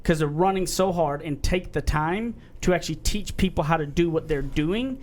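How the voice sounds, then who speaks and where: A man's voice: on the high side, normal speed. A man with a twang co-hosting a podcast in casual, rambling chat. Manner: rambling, earnest, self-described redneck voice. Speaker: podcast co-host.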